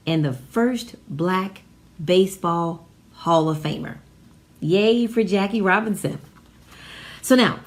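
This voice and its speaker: A Chicago woman hosts an informal educational vlog, partly reading aloud and partly ad-libbing. Her medium-pitched, darkish voice delivers things emphatically, repeating phrases.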